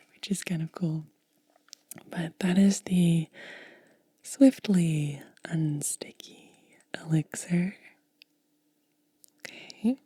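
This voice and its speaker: An ASMR host whispers very softly and breathily into a close microphone, her mid-range voice carrying a breathy edge in a dry, echo-free recording. She unboxes items at an extremely slow pace, drawing out her words. Her manner stays gentle, mellow and relaxed the whole way through.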